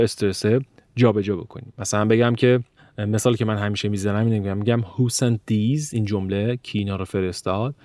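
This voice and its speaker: A man teaching a language lecture, stressing words and letting his pitch rise and fall sharply to demonstrate intonation, and slowing down to spell out example sounds. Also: no room sound, clean studio sound.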